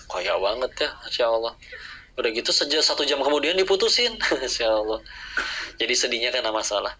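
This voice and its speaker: A man's voice: medium pitch, pushed and bright, low-quality recording. A man preaching a sermon to a live audience, asking questions and answering them himself, acting out little dialogues.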